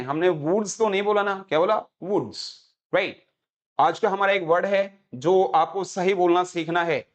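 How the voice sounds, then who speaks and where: A man's voice: high voice, clear, resonant tone. A man from Haryana with a Haryanvi accent, teaching English vocabulary and pronunciation in a live online class, mixing Hindi with English and quizzing students by having them repeat words. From Haryana, India. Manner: mixes Hindi with English phrases.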